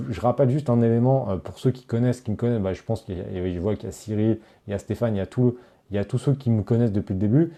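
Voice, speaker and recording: A creaky, warm, mid-pitched male voice belongs to an online course creator running a live Q&A. Chatting casually, he reads viewers' questions from the chat and answers them directly, often restarting and using fillers.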